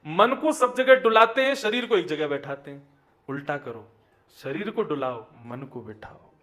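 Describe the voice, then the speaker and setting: Young male preacher, high voice, emphatic sermon delivery that falls soft at line ends. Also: lively intonation. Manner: sermon delivery with rising emphatic lines and soft dropped endings; chants verses slowly in song.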